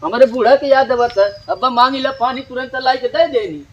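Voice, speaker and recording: A man's voice: very high voice, brisk, muffled recording. A man grumbling and complaining in a rural family comedy sketch.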